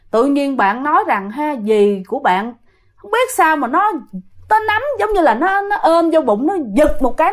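Young woman with a high voice, chatty ghost story telling, acts out the girls' lines. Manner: chatty, retells a listener's story with acted quotes of the girls. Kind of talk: casual spoken storytelling.

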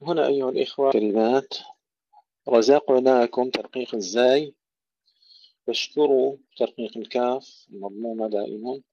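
Quran teacher drilling recitation rules. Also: male voice, medium pitch, steady tone, dark tone, no echo. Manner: recites verses slowly, then explains pronunciation rules; repeats words to contrast right and wrong pronunciation. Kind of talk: tajweed lesson with recitation. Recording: dull lo-fi recording.

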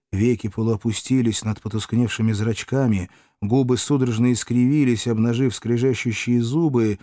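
Guy reading an audiobook, steady and even, dry close sound. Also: mid-range voice, no echo. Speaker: narrator. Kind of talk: audiobook reading of a historical novel.

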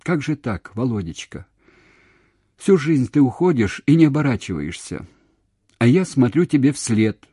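A man's voice: mid-range voice, sing-song, unhurried, mellow, husky, dry recording, clean studio sound, pitched above the performer's own voice. A man voicing a tearful, frantic aging woman pleading over a phone line in a story he reads aloud. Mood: plaintive. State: crying.

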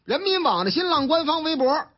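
A man's voice: very high-pitched, big pitch swings, fairly quick. A man with a Beijing accent giving colloquial storytelling-style news commentary on the radio. He acts out the characters in the stories he tells. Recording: dull lo-fi radio sound.

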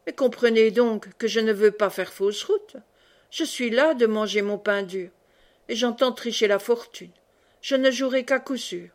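A woman's voice: on the high side, a little slow, natural voice. A woman reading the part of an ambitious, sulky young man in an audiobook. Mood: defiant. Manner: sulky, brash.

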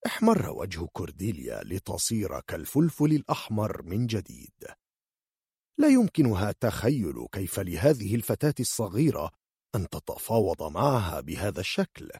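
A man narrating a story aloud in an expressive, animated way. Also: on the low side, moderate pace, husky, no echo, studio quality. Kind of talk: storybook reading.

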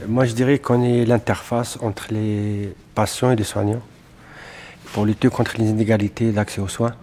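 A man who works as a health mediator, calmly explaining his work in an interview, with hesitant fillers. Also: fairly low pitch, normal speed, soft background music. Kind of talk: documentary interview.

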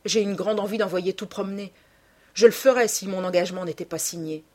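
A woman voicing Jim, a brooding, jealous teenage boy, speaking in a low, grim, clipped way. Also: brisk, a little mellow, natural voice.

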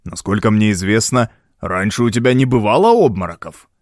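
A man's voice: on the low side, animated, a little fast, no room sound, clean studio sound, close to an everyday voice. A man voicing a big, commanding doctor who speaks in a firm, businesslike way. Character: big, commanding middle-aged male doctor, brisk.

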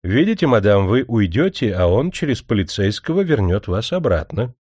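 A man voicing a formal, explaining lawyer in a spoken story, measured and lecturing. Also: on the low side, very animated, darkish tone, slightly rough, dry recording, studio quality.

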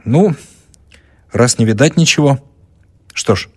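A man voicing a calm, polite young student doctor who speaks firmly. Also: medium pitch, unhurried, slightly rough, dry recording, studio quality, pitched above the performer's own voice. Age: young adult.

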